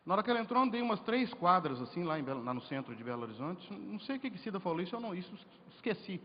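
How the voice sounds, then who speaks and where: Rapid-fire and high-pitched, this preacher tells a personal testimony within his sermon to a men's congress. He is lively and narrative, tossing in jokes and rhetorical questions, and the hall recording is lo-fi with a faint hiss.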